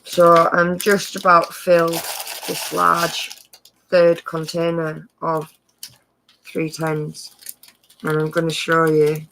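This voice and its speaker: A casual live-stream tutorial voice, rambling and friendly, full of small self-corrections. The tone is crisp and bright with a gravelly fry underneath. The pitch stays level with little rise and fall. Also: monotone, takes it slowly, pauses often, a little hiss or hum, rough recording. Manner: gives friendly practical tips.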